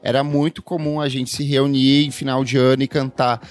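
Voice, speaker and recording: A man from Brazil co-hosting a podcast, telling family stories in a casual, warm way with many restarts. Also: medium pitch, level tone, moderate pace. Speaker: podcast co-host. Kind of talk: casual chat.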